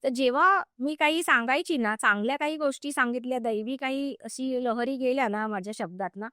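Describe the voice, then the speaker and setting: A woman's voice: high-pitched, brisk, bright, forceful tone, no echo, clean studio sound. A woman spiritual teacher telling a story in a podcast interview, vivid and acting out what people said. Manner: vivid, acts out quoted speech.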